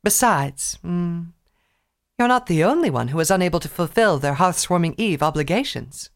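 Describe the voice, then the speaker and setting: A man's voice: on the high side, animated, normal speed, pitched above the performer's own voice. A man voicing a refined, theatrical pony mare in a read-aloud fan story. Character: posh elegant young pony mare.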